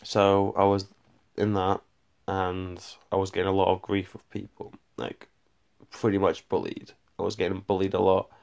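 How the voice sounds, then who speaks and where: A man rambles through a casual storytime, keeping his voice low and gravelly. He glosses over details with repeated filler and records on a phone he holds in his hand. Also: flat delivery, moderate pace, a little mellow. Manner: rambling, fills gaps with "blah, blah, blah". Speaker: vlogger. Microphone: handheld phone.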